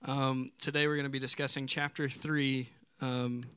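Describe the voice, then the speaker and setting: Smooth-voiced young male podcast host. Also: medium pitch, flat delivery, moderate pace, pushed and bright, dry recording, clean studio sound. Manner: easygoing, laughs often. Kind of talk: casual chat.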